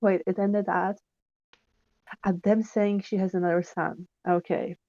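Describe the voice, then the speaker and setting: A woman's voice: medium pitch, little pitch movement, a little slow, mellow, no echo. A woman player in a tabletop game, hesitant and full of fillers as she thinks aloud. The mic is dry and a little muffled.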